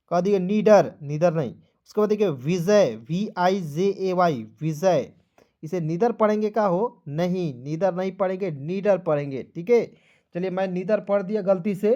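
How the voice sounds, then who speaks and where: A man's voice: sits high, a little mellow, muffled recording. A male teacher giving a beginners' spelling lesson, repeating each step and coaxing his viewers along as friends.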